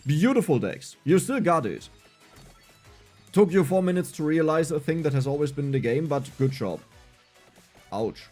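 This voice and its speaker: A man's voice: on the high side, very animated, moderate pace, pauses often, darkish tone, soft background music. A young adult man with a German accent, streaming a game, reading chat aloud and answering it with self-mocking humor. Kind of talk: casual livestream gameplay chat.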